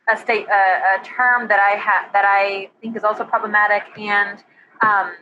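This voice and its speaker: A woman's voice: mid-range voice, bright, forceful tone. A woman moderating a live webinar, reading out episode titles and audience questions in a friendly, organized way. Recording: dull lo-fi audio with faint background noise.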